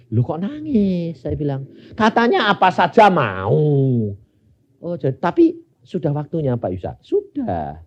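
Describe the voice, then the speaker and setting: An older man with a Javanese-inflected Indonesian accent preaching a sermon, telling stories and acting out the dialogue, swinging from loud bursts to near-whispers. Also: a little high. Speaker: pastor. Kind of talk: sermon with anecdotes.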